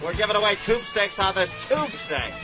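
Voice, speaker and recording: A man's voice: high voice, sing-song, brisk. Man talking through a cardboard tube. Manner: hammy mock-DJ announcing. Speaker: radio host. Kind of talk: comedy radio bit. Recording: muffled radio audio with loud music bed.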